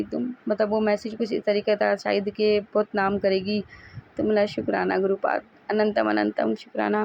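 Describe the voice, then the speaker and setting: A woman with a heavily creaky, gravelly voice shares a devotional testimony from her home, seated before a guru's picture. She speaks in a fairly flat tone, repeating words of thanks fervently and stumbling into restarts. The audio is a dull, lo-fi phone recording. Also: medium pitch.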